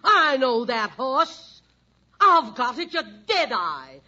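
Shrill, brassy frontier gal Kate. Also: male voice, big pitch swings, takes it slowly, pushed and bright, slight background noise, full character voice. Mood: brassy, blunt. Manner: blunt, folksy Western talk. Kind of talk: old-time radio comedy acting. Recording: muffled old radio recording.

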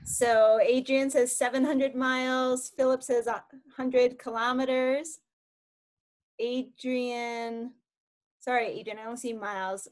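A woman's voice: a little high, little pitch movement, slow pace. A woman moderating an online science session, upbeat and chatty as she reads out audience answers. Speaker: moderator of a teen science café. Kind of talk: casual moderating on a video call. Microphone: video call.

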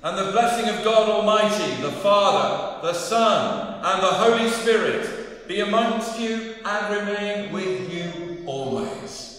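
A clergyman leading prayers and a blessing in a measured, formal intoning manner, heard with a cathedral echo from a distant mic in a large stone chapel. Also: high voice, animated, a bit bright. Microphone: distant room mic. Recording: long church reverb from a distant mic.

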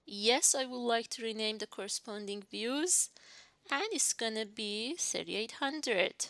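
A young adult woman recording a software tutorial at her desk, talking slowly through each step and checking her own work as she goes. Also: a little high, creaky, no room sound. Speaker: instructor.

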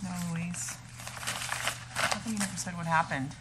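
A woman's voice: lowish voice, measured pace, close to an everyday voice. A woman in an acting class scene, playing a practical, exasperated woman fugitive in a conversational, pleading manner. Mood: resigned. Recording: noisy room recording.

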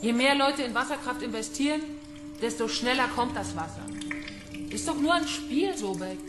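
In a radio crime drama, an actress plays a cold, mocking female kidnapper who taunts her victim with cool control. Her voice is on the high side, expressive, at a moderate pace and close to her everyday voice. The recording sounds echoey, like a pool-like room, with music behind it.

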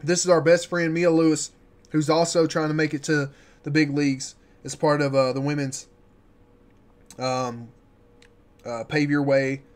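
A man's voice: on the high side, level tone, measured pace, long pauses. A man streaming a baseball video game live, cheering his viewers on and reading the game's dialogue aloud. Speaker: gaming streamer. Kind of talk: live gameplay commentary.

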